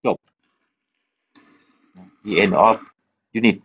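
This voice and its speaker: A Thai man with a Thai accent teaches an English lesson for a recorded textbook, repeating polite particles and explaining in a mix of Thai and English. His voice is fairly bright and very slow, captured in a muffled lo-fi recording.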